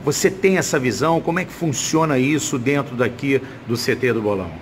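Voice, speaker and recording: A man's voice: medium pitch, a little fast. A Brazilian man asking questions as a casual interviewer, recorded with some noise behind him. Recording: noticeable background noise.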